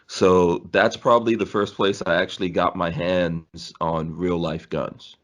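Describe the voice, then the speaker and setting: A man in his forties, born in Guyana and raised in New York City, rambles through stories as a podcast guest, laughing often and restarting his sentences. His voice sits low and level and moves a little slowly. It's a casual storytelling interview.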